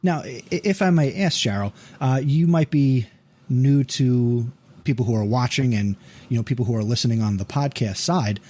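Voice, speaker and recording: A man's voice: mid-range voice, moderate pace, dark tone, dry recording. A man hosts a live-streamed podcast over a video call, with a plain mid-range voice for a man. He interviews his guests in an upbeat, encouraging way. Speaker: podcast host.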